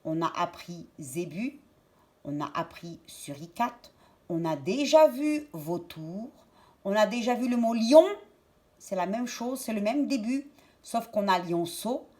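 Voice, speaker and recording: A woman teacher giving a lesson to young children, speaking slowly and clearly and repeating words and syllables. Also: medium pitch, lively intonation, mellow.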